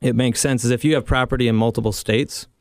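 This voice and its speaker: A man's voice: medium pitch, fairly even intonation, fast talker, no room sound. A man, a regular financial planner on a radio show, explaining things thoughtfully with frequent restarts and dry humor.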